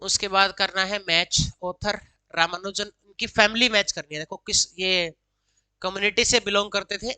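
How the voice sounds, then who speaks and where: A woman teacher walks through exam answers. She reads each question in slow, careful English, then explains it briskly in Hindi. Her voice is bright and crisp, recorded close and dry. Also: mid-range voice, steady tone, no room sound, poor audio. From Haryana, India. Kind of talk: exam solution lesson, reading questions aloud then explaining.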